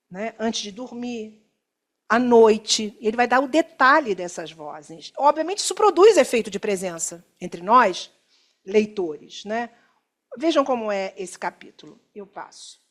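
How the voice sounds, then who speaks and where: A woman with a Brazilian Portuguese accent delivers an academic workshop talk in a fairly high voice. She talks discursively, stopping often to correct herself and check in with listeners. She draws out key terms for emphasis. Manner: discursive, many fillers and self-corrections, asks listeners "né?"; slows to stress key terms. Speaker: academic speaker. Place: lecture room.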